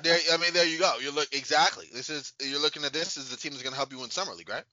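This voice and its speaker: A man co-hosting a casual sports podcast, animated and rambling, repeating himself as he talks. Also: a little high, racing, dry recording, dull audio. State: sleepy, yawning late at night. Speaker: podcast co-host.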